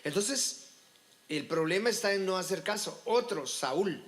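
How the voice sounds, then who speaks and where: A man's voice: high voice, animated, measured pace. A male pastor preaching a sermon, telling his story and calling listeners brother. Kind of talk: sermon testimony.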